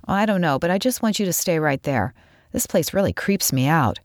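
A woman's voice: lowish voice, expressive, a little fast, no echo, studio quality, natural voice. A woman reading aloud, voicing a nervous, easily frightened boy who wants to leave. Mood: anxious. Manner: anxious, pleading.

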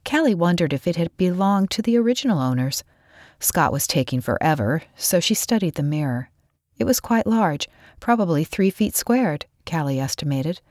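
Brief: woman storybook narrator, low and expressive, dry mic. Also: no room sound. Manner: expressive, measured.

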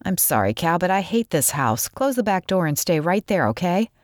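A woman's voice: on the low side, big pitch swings, normal speed, dry recording, clean studio sound. A woman reading aloud, voicing a nervous, easily frightened boy who wants to leave. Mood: anxious. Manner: anxious, pleading.

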